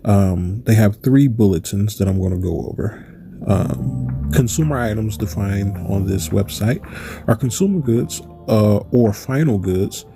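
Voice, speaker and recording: On his channel, a man rambles casually to camera, his mellow, lowish voice stuffy from allergies. He throws out rhetorical questions and keeps correcting himself.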